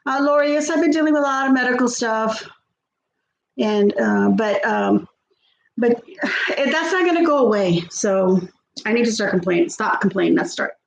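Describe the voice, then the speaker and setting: With a gravelly voice on the high side and lively intonation, a Texan-accented woman in her fifties from South Texas chats at a moderate pace on her cooking livestream. She rambles kindly from her home kitchen, laughing and trailing off often. The audio is poor and reverberant.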